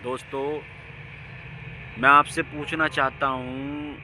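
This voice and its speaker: A man giving an impassioned, preachy monologue, his voice swinging from emphatic outbursts down to low, quiet lines. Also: level tone, slow, slight background noise, poor audio. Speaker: religious speaker.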